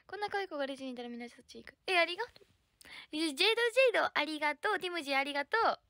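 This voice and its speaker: A woman's voice: sits high, expressive, rapid-fire, bright, forceful tone, dry recording. A young woman chatting on a livestream as host, bubbly, thanking viewers and trying out English words. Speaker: livestream idol host reading viewer comments. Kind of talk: casual livestream chat.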